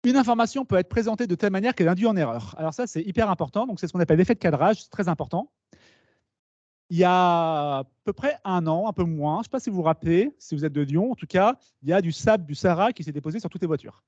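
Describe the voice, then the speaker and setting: Guy giving a talk, lots of asides and questions to the room, highish voice, dull lo-fi meeting recording. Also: quick pace, no echo. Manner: lively, explains with asides and questions to the audience. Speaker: speaker at a talk. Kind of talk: conference talk to students.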